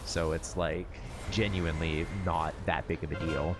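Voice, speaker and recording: A man's voice: rumbling low, flat delivery, measured pace. A man chatting casually on a live stream while playing, rambling with lots of "like" and the odd swear word. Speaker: streamer playing an online game. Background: game music.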